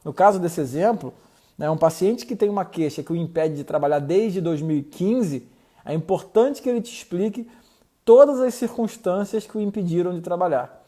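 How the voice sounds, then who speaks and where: A man's voice: sits high, normal speed, warm tone. A young man hosting a podcast, explaining clinical interview techniques in a casual, rambling way with slangy asides and self-corrections. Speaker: podcast host. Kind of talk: casual educational talk.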